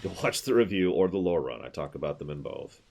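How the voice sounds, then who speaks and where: A man's voice: low voice, lively intonation, fast, darkish tone, slight background noise. A man giving casual, opinionated game commentary with a wry manner as he streams.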